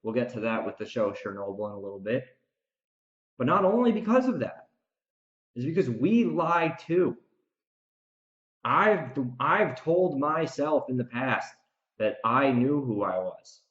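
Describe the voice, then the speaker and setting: Speaking solo as a podcast host, this man works through a reflective recap that's partly a rant, leaning on emphatic repetition. His typical male pitch carries a sing-song, slightly bright quality at an unhurried pace. Echo surrounds his words in a roomy, rather dull recording.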